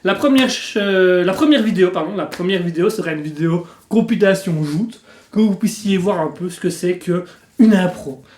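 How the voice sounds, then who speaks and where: A man's voice: sits high, moderate pace, a little mellow, echoey room. A man hosting his improv channel, explaining it in a rambling, self-mocking, playful way. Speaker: channel host. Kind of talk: comic improv vlog. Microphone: facing the camera.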